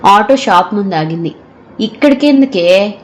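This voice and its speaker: A woman narrating an audio novel in a steady storytelling manner. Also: lowish voice, moderate pace, a little hiss or hum.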